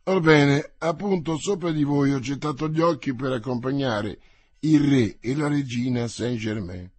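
A crafty old cardinal, anxious and wheedling, as a man reads him. The voice is husky and slightly breathy, recorded close and dry. He presses his point with insistence. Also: mid-range voice, normal speed, no echo, close to an everyday voice. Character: scheming, anxious older male cardinal minister. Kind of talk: audiobook character voice.

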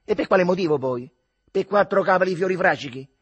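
Man doing a shrill scolding Roman mother. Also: fairly quick, husky, muffled recording. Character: loud indignant middle-aged Roman mother.

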